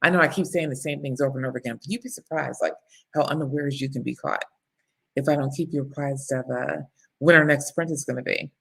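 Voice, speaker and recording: A woman with a low, husky voice hosts a casual livestream as a book coach. She chats freely, laughs often and reads out viewer comments. There is a gravelly edge to her speech. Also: quick pace, fairly bright tone. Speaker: book coach hosting live writing sprints. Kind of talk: casual live-stream chat.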